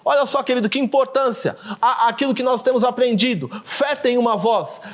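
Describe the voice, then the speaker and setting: A man's voice: extremely high pitch, brisk. A male pastor with a Brazilian accent preaching fervently to a camera, calling his listeners dear ones and acting out scripture. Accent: Brazilian Portuguese. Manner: fervent, addresses listeners as "queridos", acts out scripture. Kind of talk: sermon. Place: in front of a camera, livestream.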